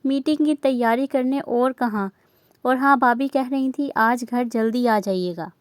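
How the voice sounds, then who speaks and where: A woman's voice: fairly high pitch, a little slow, no echo, studio quality, lightly acted. A woman reading aloud voices a stern, businesslike older brother who questions firmly. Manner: firm, questioning.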